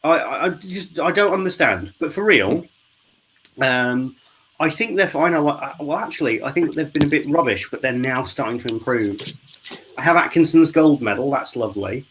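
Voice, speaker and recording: Hosting a charity live stream over video call, this man keeps the casual group chat jokey, bantering with and teasing his guests. His voice is on the high side, expressive and a bit bright, at a moderate pace. The recording is low quality with slight background noise.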